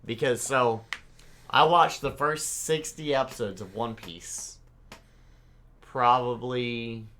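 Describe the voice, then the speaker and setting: A man's voice: mid-range voice, slow, sharp tone. A man from Oklahoma co-hosting a podcast in casual chat, rambling, stammering over his words and swearing a lot as he gets worked up. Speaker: podcast co-host.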